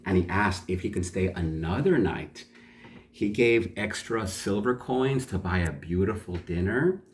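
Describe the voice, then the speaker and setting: A man telling a folk tale for learners in a chatty way, stopping to ask his listeners questions and explain words. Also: deep voice. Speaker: storyteller.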